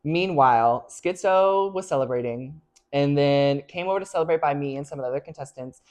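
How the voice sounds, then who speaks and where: A woman's voice: low voice, fairly quick, a little mellow. A woman co-hosting a podcast, telling a story with animation and acting out other people's lines. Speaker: podcast co-host. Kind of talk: casual chat.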